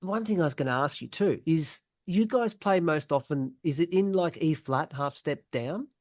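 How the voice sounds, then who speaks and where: A man hosts a podcast in a fairly high voice, eagerly chatting and chiming in with quick reactions. His voice sounds close and dry, with no room around it. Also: lively intonation, darkish tone, dry recording. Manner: eager, reacting often with short interjections. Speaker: podcast host. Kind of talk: casual interview chat.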